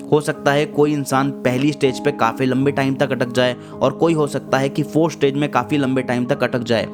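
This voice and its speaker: A man hosting a self-help talk, patiently explaining ideas step by step with everyday examples. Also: mid-range voice. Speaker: self-help channel host. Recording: voice over guitar background music.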